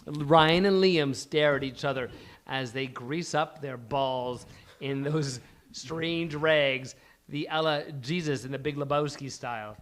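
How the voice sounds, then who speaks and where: At a live table read, a man narrates the stage directions of a comedy script, hamming up the action dramatically. His voice sits on the high side, a bit bright, and he speaks slowly.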